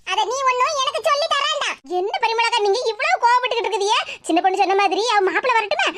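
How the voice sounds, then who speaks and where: Woman, very high bright voice, rapid scolding comic drama delivery. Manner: scolding, rapid village Tamil talk. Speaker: actor voicing several village women. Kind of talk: comic family drama dialogue.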